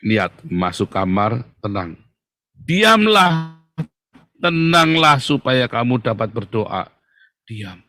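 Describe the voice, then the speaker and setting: A man preaching a casual sermon, chatty and joking, swinging between loud emphasis and hushed, calm words. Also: fairly low pitch, unhurried, dry recording.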